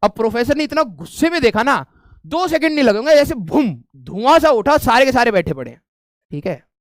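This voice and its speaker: A young man casually telling a story to his viewers, animated and often saying "ठीक है". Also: very high voice, a little fast, no room sound, studio quality.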